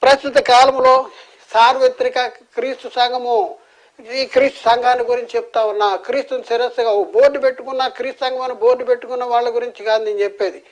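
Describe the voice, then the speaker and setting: A man's voice: very high voice, fairly even intonation, quick pace, low-quality recording. A Telugu-accented man from India gives an earnest sermon, asking many rhetorical questions and often restarting his words. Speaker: preacher.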